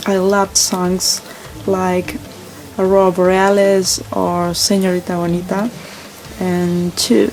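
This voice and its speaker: A woman recording a question for a musician, polite and measured. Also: medium pitch, darkish tone, slight background noise, rough recording. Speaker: viewer asking a question.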